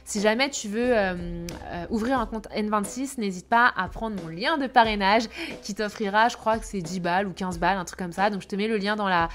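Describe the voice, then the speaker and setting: A woman's voice: mid-range voice, fairly quick, fairly bright tone, faint music behind. A young woman giving casual travel tips in a chatty way, with frequent hesitations. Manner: chatty, many filler hesitations. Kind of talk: casual chat to camera.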